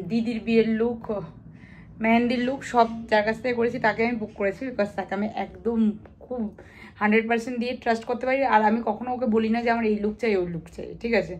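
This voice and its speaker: A young woman chatting casually to camera in a vlog, confiding and talkative. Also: a little high. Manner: chatty, confiding, speaking softly while eating. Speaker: vlogger.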